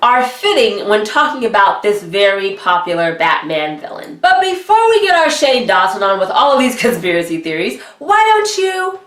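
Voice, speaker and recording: A woman's voice: mid-range voice, sing-song, normal speed, few pauses, echoey room. A young woman hosting her channel, chatty and bubbly, sounding stuffy and nasal from a cold. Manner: bubbly, chatty, laughs often. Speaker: channel host. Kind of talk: casual vlog commentary.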